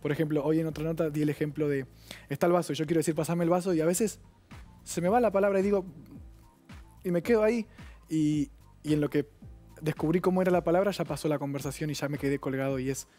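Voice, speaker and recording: Young argentine guy talking fast about his life, kinda dark mellow voice, soft music under it. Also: on the high side. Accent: Rioplatense Spanish. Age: 20s. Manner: earnest, rapid, reflective. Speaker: guest. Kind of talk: personal account on a TV talk show.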